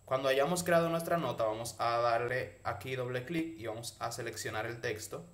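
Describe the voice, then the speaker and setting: A man's voice: mid-range voice, normal speed, fairly bright tone. A man narrating a casual tutorial in Spanish, instructing viewers directly one step at a time. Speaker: tutorial host.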